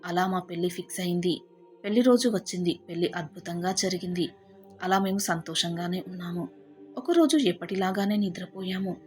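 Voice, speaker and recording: A woman telling a first-person family story in a steady, heartfelt way. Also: fairly low pitch, brisk. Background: faint background music.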